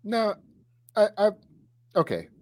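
A man's voice: high-pitched, wildly swooping pitch, slow, darkish tone, no echo, studio quality. A man telling a story in a casual chat, with many fillers and restarts. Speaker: co-host recalling high school kicking.

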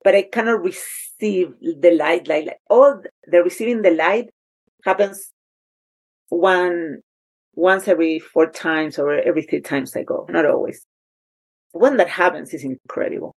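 Her voice low, a little slow, and slightly rough, a Chilean woman talks animatedly on a podcast with a Chilean Spanish accent, captured in a rough recording. It's casual conversation, and she often restarts sentences while groping for words.

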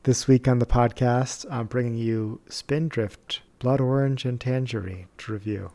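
A man co-hosting a casual podcast, laid-back and quick to joke. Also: medium pitch, warm tone. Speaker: podcast co-host. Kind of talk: casual chat.

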